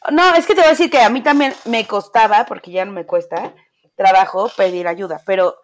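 A woman's voice: mid-range voice, fairly quick. A woman with a Mexican accent in casual conversation, talking in a reassuring, friendly way. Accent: Mexican Spanish. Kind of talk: casual chat.

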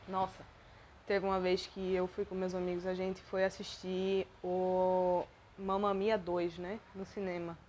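A woman's voice: fairly low pitch, monotone, a little slow, a little mellow, a little hiss or hum. Young Brazilian woman, podcast host, rambling, self-deprecating and emotional monologue.

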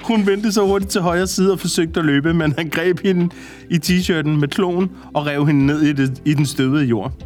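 A man's voice: a little high, darkish tone, faint music behind. A man reading a story aloud to a co-host, often breaking into laughter and adding comments. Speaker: podcast co-host.

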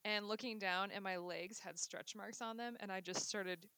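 A woman's voice: medium pitch, fairly even intonation, normal speed, bright, forceful tone, clean tone, no room sound, poor audio. A young adult woman co-hosting a podcast, talking candidly and casually with lots of "like" fillers. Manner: candid, chatty, full of "like" fillers. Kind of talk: casual chat.

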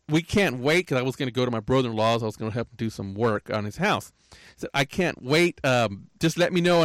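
A man's voice: medium pitch, fairly bright tone, no room sound. Older man ranting, dry close mic. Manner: rambling, aggrieved, tags lines with "right?". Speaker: podcaster. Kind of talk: casual storytelling rant.

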